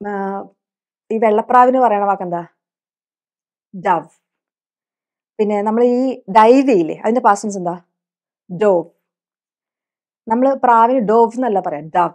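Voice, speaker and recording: A woman's voice: mid-range voice, fairly quick, darkish tone. A woman from Kerala teaching English vocabulary, with a Malayali accent, who explains patiently and keeps asking rhetorical questions.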